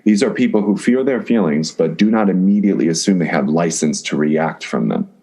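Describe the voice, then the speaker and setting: Man, very low pitch, effusive, lists words, casual podcast talk. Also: expressive, brisk, warm tone, husky. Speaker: astrologer guest.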